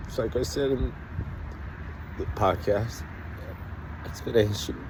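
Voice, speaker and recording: A man crying with a snotty, choked-up voice as he talks haltingly and confessionally to his vlog, swearing in places. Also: medium pitch. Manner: halting, broken phrases, swearing. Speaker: travel vlogger. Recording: loud outdoor traffic and street noise.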